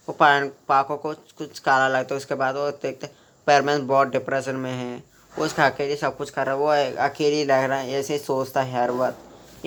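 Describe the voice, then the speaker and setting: Man halting through a flat-voiced story retelling. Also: mid-range voice. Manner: halting, with frequent restarts and self-corrections. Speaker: fan storyteller recapping his own story. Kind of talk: casual spoken story retelling.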